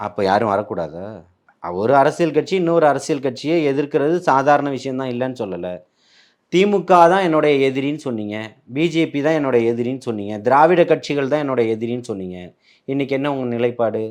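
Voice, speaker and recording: A man argues as a party spokesman in a political interview. He talks in a combative way and keeps firing rhetorical questions. His pitch sits in an ordinary middle range for a man. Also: expressive, fairly quick, a little mellow.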